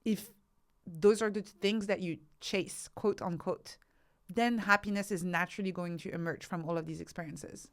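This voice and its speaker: Speaking at normal speed with a fairly low pitch and fairly even intonation, this woman appears as an interview guest. An author and researcher, she explains her thinking carefully and emphatically, often stacking up examples in lists to make a point.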